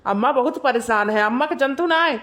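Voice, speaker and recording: A soft-hearted young husband in a cartoon, voiced by a woman, pleading and wheedling with pet names. The voice sits fairly high for a man. He sounds eager to please and never firm. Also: animated, a little fast. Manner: pleading, sweet-talking, wheedling. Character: meek young village husband, pleading and coaxing. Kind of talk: cartoon voice acting.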